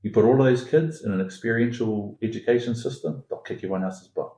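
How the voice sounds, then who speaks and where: Podcast guest, male, from Singapore: warm low voice, insistent repetitive delivery, roomy sound. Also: a little fast. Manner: emphatic, repetitive, builds points through extended metaphor. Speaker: founder of an education academy, podcast guest. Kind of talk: conversational podcast interview.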